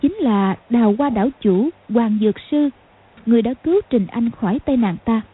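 A woman narrating a martial-arts novel as an audiobook, in a steady storytelling delivery. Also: a little high, normal speed, husky. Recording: tinny phone-like sound.

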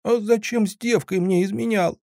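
A man's voice: high voice, fairly even intonation, normal speed, gravelly, a little mellow, no echo, studio quality, pitched above the performer's own voice. A man voicing a tearful, petulant young female android in an audiobook, with sulky, sobbing pleading. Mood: weeping reproach. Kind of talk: audiobook character voice.

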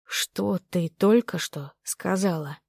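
Woman narrator doing a young male lover, hushed and clipped, dry close sound, mid pitch for her. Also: steady tone, normal speed, no echo, close to an everyday voice. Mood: stunned, pressing. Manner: low, quiet, clipped lines. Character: young man, tense, guarded, pleading lover. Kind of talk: audiobook character voice.

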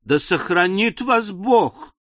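A man reading an audiobook voices a kindly, naive elderly gentleman who speaks politely and mildly. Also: mid-range voice, big pitch swings, measured pace, no echo, studio quality. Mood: alarmed. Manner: polite, mild, good-natured.

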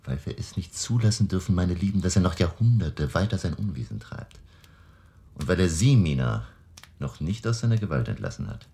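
An actor playing an elderly, kindly and grave professor in a radio drama, speaking in a gravelly, deliberate, solemn, paternal way. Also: male voice, sits low, lively intonation, mellow. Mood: grave, determined. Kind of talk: German radio drama acting.

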